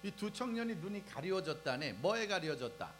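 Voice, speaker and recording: A man preaching a lively sermon to young people, asking the crowd questions and acting out scenes as he goes. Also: high-pitched, brisk, poor audio. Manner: animated, asks the crowd questions and acts out scenes. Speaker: preacher at a youth service. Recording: faint music and mains hum behind.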